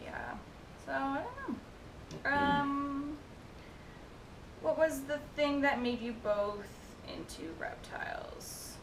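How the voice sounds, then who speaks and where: A young woman of twenty-one with a slightly high voice runs through viewer questions in a loose, chatty way, tossing in giggles and quick asides. She sounds like she is in a roomy, echoey space, with a steady rumble of noise underneath. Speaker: vlogger answering viewer questions. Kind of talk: casual Q&A chat. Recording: echoey room with noisy rumble.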